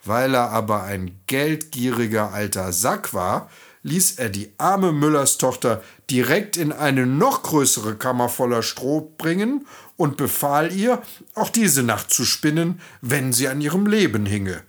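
A man tells a fairy tale to children, slowly and with a lively, rising and falling voice. His tone is slightly husky and breathy, and he lingers on each phrase. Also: mid-range voice. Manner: lively, expressive storytelling. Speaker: children's storyteller.

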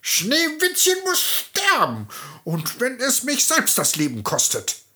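A storyteller voicing a vain wicked queen with a raised, shrill, hissing manner. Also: sing-song, normal speed, a bit bright, breathy edge, full character voice. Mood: raging.

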